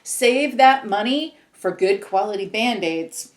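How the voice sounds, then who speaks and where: A woman's voice: medium pitch, expressive, takes it slowly, roomy sound. A woman co-hosting a podcast, chatting casually and rambling with lots of filler words. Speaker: podcast co-host. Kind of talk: casual chat.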